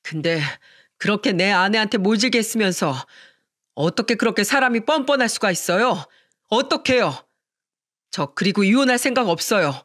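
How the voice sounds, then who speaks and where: A narrator voicing a husband who pleads with his mother and gently apologizes to his wife. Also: medium pitch, expressive, normal speed, dry recording, clean studio sound, natural voice. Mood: pleading, firm. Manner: earnest and pleading. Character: pleading, protective grown son and husband.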